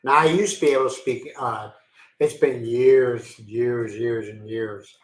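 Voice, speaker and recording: Reverberant, poor-quality audio captures a mid-range male voice with fairly even intonation and a measured pace. The speaker, a Pennsylvania native living in the Philippines, hosts a relaxed live stream from home, going through viewer comments in a rambling, self-deprecating way and laughing readily.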